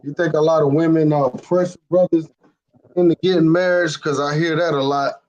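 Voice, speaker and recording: A man's voice: on the high side, fairly even intonation, normal speed, a little mellow. A man hosting a call-in panel, casually putting questions to the guests. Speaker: panel host. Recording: dull lo-fi call audio.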